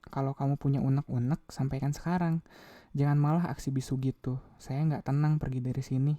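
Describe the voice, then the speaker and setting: A man's voice: medium pitch, flat delivery, brisk, warm tone, dry recording, close to an everyday voice. A man reading a novel aloud, voicing an earnest young man who coaxes and insists. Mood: coaxing. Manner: coaxing, insistent.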